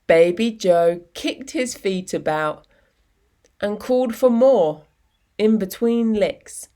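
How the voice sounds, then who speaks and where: Reading a picture book to little ones, this woman speaks in a medium pitch and takes her time, with dramatic pauses separating short phrases. Her storytime delivery is deliberate and full of expression.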